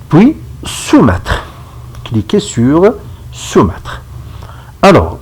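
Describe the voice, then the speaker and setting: A man giving a step-by-step software tutorial, checking in with his viewers as he goes. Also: medium pitch, husky, poor audio. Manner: slow, step-by-step, checks in with "d'accord?". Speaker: instructor. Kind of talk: screen-recorded software tutorial.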